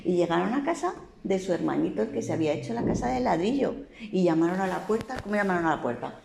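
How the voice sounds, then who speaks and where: A woman telling a fairy tale to a child, animated and stopping to ask the listener questions. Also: fairly low pitch, fast, vocal fry, very noisy. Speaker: storyteller. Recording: echoey room.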